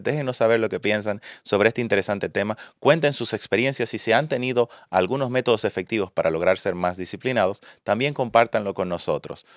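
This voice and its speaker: Steady low-voiced podcast host. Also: male voice, no room sound, clean studio sound. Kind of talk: storytelling and podcast sign-off.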